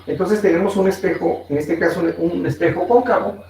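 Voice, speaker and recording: A man's voice: high-pitched, vocal fry, darkish tone. Man lecturing in an echoey room. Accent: Mexican Spanish. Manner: slow, repetitive explaining with frequent fillers and check-ins. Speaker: physics teacher. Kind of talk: online class lecture. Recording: echoey room, distant mic, faint noise.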